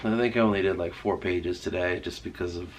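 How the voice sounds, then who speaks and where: A man's voice: low-pitched, steady tone, brisk, a little hiss or hum. A man with a stuffy nose and sore throat, rambling and swearing casually in a vlog. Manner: rambling, heavy swearing, many "like"s. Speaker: writer vlogging.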